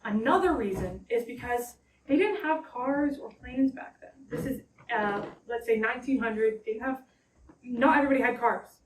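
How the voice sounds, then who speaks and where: Echoey, distant higher-voiced woman guiding a tour. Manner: conversational, halting, loosely explanatory. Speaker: ghost tour guide. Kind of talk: informal guided tour narration to a small group. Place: indoors in a house parlor. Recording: roomy echo, distant mic, background noise.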